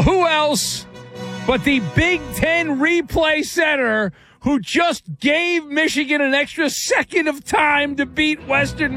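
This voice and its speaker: Smooth-talking, high-voiced radio host man. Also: fairly bright tone. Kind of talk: live overnight sports talk radio. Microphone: studio broadcast mic.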